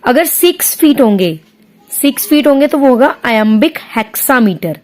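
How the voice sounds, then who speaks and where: Woman, slow teaching pace, fairly high voice, repeats key terms. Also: animated, a little mellow. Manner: slow, patient, repeats terms, mixes English into speech. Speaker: English literature teacher. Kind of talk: explaining poetic meter in a lesson.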